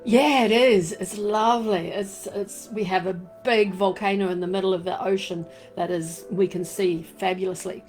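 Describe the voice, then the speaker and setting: A woman with a New Zealand accent hosting a casual live stream from home, rambling warmly with many fillers and lots of "fabulous" and "beautiful". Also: mid-range voice, fairly even intonation, moderate pace, few pauses, faint music behind. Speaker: crystal and essential oil live-stream host. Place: home room. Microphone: desk microphone she turns around.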